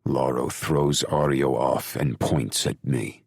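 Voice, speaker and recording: Very deep, gravelly male narrator. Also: steady tone, darkish tone, dry recording, studio quality. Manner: brooding, measured, intense. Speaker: audiobook narrator. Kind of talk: first-person audiobook narration.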